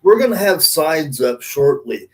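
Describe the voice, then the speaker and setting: Very animated and a little slow, this man with a fairly high voice hosts a podcast in a warm, informal style. His heartfelt monologue and chat are full of free swearing, and he addresses his audience like friends.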